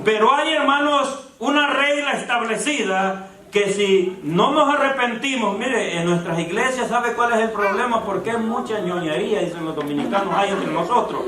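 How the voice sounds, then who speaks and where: Male preacher, very high and bright, sermon style, addresses the congregation directly, roomy far-off church sound. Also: moderate pace, slight background noise. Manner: keeps addressing the congregation as brothers, asks rhetorical questions. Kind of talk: evangelical sermon. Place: church sanctuary. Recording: echoey church, mic far off.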